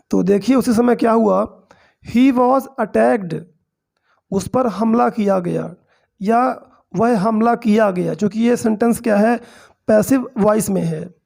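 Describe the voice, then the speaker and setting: A man teaching English by reading story sentences slowly and explaining them in Hindi. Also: high-pitched, gravelly, mellow. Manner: reads English slowly, then explains in Hindi with frequent "theek hai". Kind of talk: line-by-line translation lesson.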